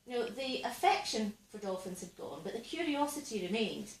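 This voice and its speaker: A woman performing a dry, deadpan stand-up set on a theatre stage, recorded in an echoey room. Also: a little high, a little fast, a little hiss or hum. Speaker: stand-up comedian and host. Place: theatre stage before a live audience. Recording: echoey theatre, mic at a distance.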